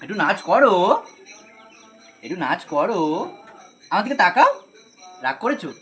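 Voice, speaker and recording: A man's voice: high voice, very animated, measured pace, a bit bright, soft background music. A young man from West Bengal filming a casual village vlog, chatting along and coaxing his little daughter, on a handheld phone at a rainy village home. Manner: chatty, coaxing a small child. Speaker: vlogger. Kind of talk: casual daily-life vlog chat. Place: village home, partly outdoors in rain.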